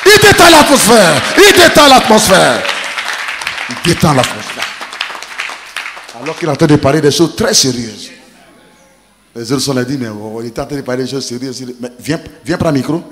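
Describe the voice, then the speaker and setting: A man preaching, telling funny family stories with laughter and animated delivery. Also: mid-range voice, a little fast, pauses often, big-room sound, some chatter behind, a little hiss or hum. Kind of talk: humorous sermon storytelling.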